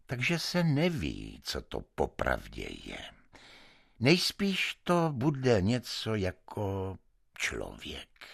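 A man giving an expressive literary reading with dramatic, sweeping intonation. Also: on the low side, gravelly, husky. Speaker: reader.

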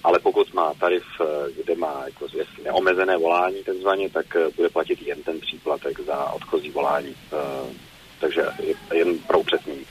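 A man's voice: extremely low pitch, steady tone, slight background noise, poor audio. A man speaking as a telecom regulator in a news interview, explaining at length with many hesitations and fillers.

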